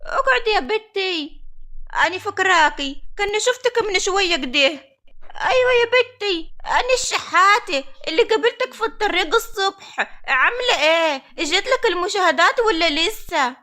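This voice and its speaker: A woman's voice: very high voice, lively intonation, moderate pace, sharp tone, exaggerated voice. A woman doing a rambling, forgetful old beggar woman. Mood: wheedling. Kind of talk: animated story voice acting.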